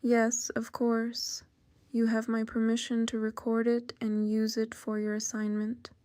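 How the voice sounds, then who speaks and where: A Ukrainian-accented woman in her fifties, answering interview questions about her life in measured, careful sentences. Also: on the high side, monotone, warm tone, clean tone, no echo, clean studio sound. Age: 50s. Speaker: interview guest. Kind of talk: oral history interview.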